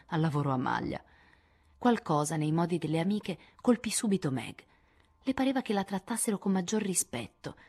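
Female audiobook reader, low-pitched, measured and expressive narration. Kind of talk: scripted narration.

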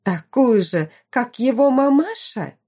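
A woman voicing a haughty, scheming duchess who talks in a shrill, indignant way in an audiobook. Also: sing-song, slow pace, dark tone, husky, exaggerated voice. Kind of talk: audiobook character reading.

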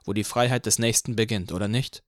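A man's voice: lowish voice, fairly even intonation, fairly quick, no room sound, studio quality, close to an everyday voice. A man reading an audiobook voices a defiant young activist who answers in a firm, lightly mocking tone. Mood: reasoning.

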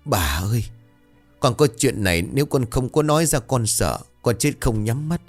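A man's voice: medium pitch, animated, normal speed, faint music behind, pitched above the performer's own voice, close to an everyday voice. A man doing a tearful old maidservant. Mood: tearful confession. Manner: tearful, hushed pleading. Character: grieving old female servant, guilt-ridden.

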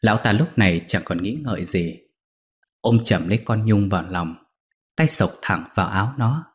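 A man narrating a scripted ghost story in a steady, even storytelling manner. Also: lowish voice, moderate pace.

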